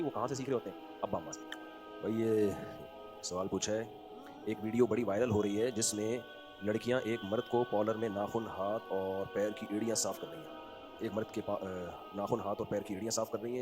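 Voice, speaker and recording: A man with a Pakistani Urdu accent giving an Islamic sermon, swinging between loud emphatic points and quiet asides, asking rhetorical questions and answering them himself. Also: on the low side. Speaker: religious scholar giving a lecture.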